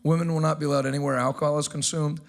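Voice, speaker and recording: A man's voice: fairly high pitch, little pitch movement, rapid-fire, creaky. A man hosting a news commentary show, brash and sarcastic, introducing clips with punchy remarks. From United States. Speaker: host. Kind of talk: energetic commentary.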